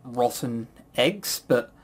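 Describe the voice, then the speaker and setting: A British man hosts a casual podcast, his medium-pitched voice expressive, slow and a bit breathy. He rambles through blunt, sweary opinions, often stammering into false starts.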